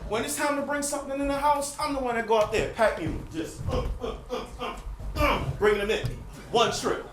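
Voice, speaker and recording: On a theater stage, a man with a very high-pitched, brisk voice performs a comedic monologue as a frustrated, wisecracking husband. He addresses the audience directly in an exaggerated, self-deprecating, conversational way, full of playful bravado. The recording is noisy, echoey and captured from a distance.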